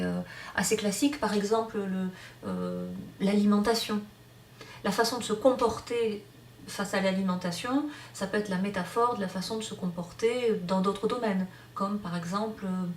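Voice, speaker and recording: A woman's voice: medium pitch, distant mic, slight background noise. A woman teaching a hypnosis course, explaining off the cuff with many fillers and restarts. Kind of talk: online lecture. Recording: roomy sound from off-mic.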